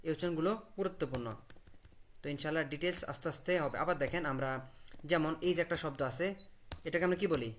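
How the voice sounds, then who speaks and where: A man leads a language class, voice a touch higher than usual. He patiently drills sounds and keeps asking his students to answer. A faint noise sits under the recording. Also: brisk, a bit bright. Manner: patient, drills pronunciation, asks the class questions. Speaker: language teacher. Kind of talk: online class teaching.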